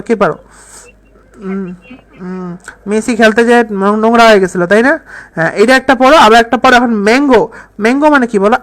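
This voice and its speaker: A fairly high-voiced woman teaches English vocabulary in a recorded lecture. She repeats each word several times and keeps asking her listeners what it means. She uses playful memory tricks and acts out little sample phrases. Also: fairly bright tone. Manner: repeats words and quizzes listeners with questions.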